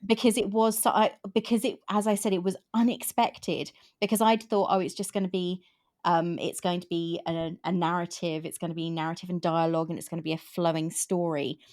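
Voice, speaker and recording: A woman in her fifties hosts a relaxed book discussion. Her voice sits a little low, and she wanders through her thoughts, often restarting her sentences. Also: fairly quick, few pauses. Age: 50s. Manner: rambling, with frequent restarts. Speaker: podcast host. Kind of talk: casual book chat.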